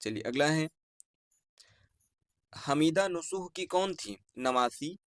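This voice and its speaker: A man with an Urdu-inflected Hindustani accent from Bihar, teaching online as he goes through an exam answer key, reading each question and its options slowly and then repeating the correct answer. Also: a little high, animated, a bit bright, no room sound, clean studio sound.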